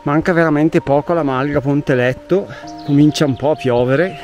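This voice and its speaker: A man's voice: on the high side, normal speed, darkish tone, soft background music. Man vlogging on a mountain hike. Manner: chatty, thinking aloud while walking. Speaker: hiking vlogger. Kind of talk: casual hiking narration to camera. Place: outdoors on a mountain road and forest trail. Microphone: camera carried while hiking.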